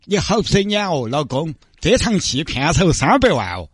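A man's voice: on the high side, sing-song, moderate pace, slightly rough, dry recording, studio quality, faint music behind. A man voicing a bossy middle-aged mother with a Sichuan accent, nagging her husband along.

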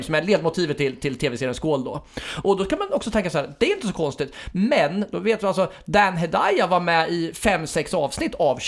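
A man co-hosting a casual film discussion podcast, chatty, with frequent fillers and restarts. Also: sits high. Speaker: podcast co-host.

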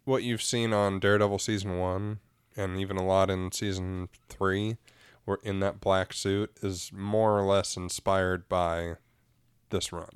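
A man with a very deep, smooth and resonant voice talks casually on a podcast. He explains things in a relaxed, easygoing way and laughs easily. The sound is dry and close. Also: measured pace, no echo. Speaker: podcast co-host. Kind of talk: casual chat about comics.

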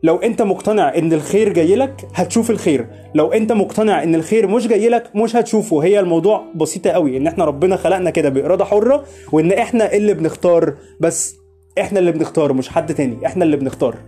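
A man's voice: high-pitched, fast, mellow, slightly rough, soft background music. A young man with an Egyptian Arabic accent, hosting a motivational podcast in an earnest way and repeating phrases for emphasis. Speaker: podcast host.

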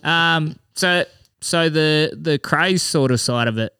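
A man's voice: on the high side, slow pace, bright, forceful tone, clear, resonant tone, no room sound, clean studio sound. An Australian man chatting casually as a host, with a blokey, sweary, slangy way of talking. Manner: blokey, sweary, teasing slang-filled talk. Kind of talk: casual chat.

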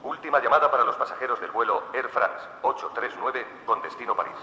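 A man's voice: medium pitch, fast talker, pushed and bright. A man giving a formal, impersonal, scripted airport announcement over a public-address system. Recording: echoey, dull PA with light noise.

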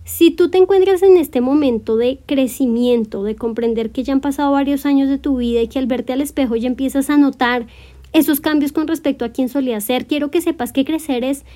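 A woman in her twenties hosting a solo podcast, speaking gently and encouragingly straight to her listener in a reflective monologue. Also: sits high, fairly quick. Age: 20s. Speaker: podcast host.

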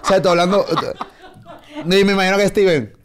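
A man's voice: high-pitched, steady tone, a little fast, heavy background noise. A man hosting a casual talk show, joking and laughing along with his guest. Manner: joking, laughs along, repeats lines for comic effect. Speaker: host.

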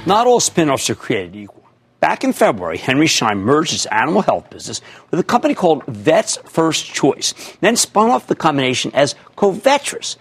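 A man in his sixties hosting a TV finance show, talking in an energetic, emphatic way with a husky voice. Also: a little high, moderate pace, faint music behind. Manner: animated, emphatic, shouts at times. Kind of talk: energetic market commentary.

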